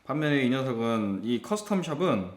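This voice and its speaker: A man's voice: mid-range voice, very animated, moderate pace, roomy sound. A man co-presenting a guitar review, chatting casually and asking follow-up questions. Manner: curious, asks follow-up questions. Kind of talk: casual gear review conversation.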